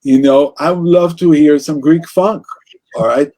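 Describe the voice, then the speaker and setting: A man with an Israeli accent and a higher, mellow, unhurried voice is a guest in a casual interview about music. He talks passionately and rambles, often starting his thoughts over.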